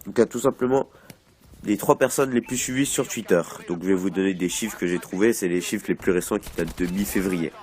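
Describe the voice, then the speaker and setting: A man's voice: low voice, fairly quick, darkish tone. A man hosting a gaming video, talking casually over gameplay, rambling with many fillers and repeats. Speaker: gaming channel host.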